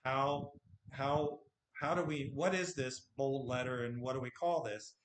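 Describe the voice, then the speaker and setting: A man's voice: medium pitch, fairly even intonation, a little slow, echoey room. A man with a Californian American accent and a touch of Texan, teaching English in a patient tutorial, often checking in with "okay?". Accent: Californian American with a little Texan. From United States. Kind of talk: screen-share tutorial lesson.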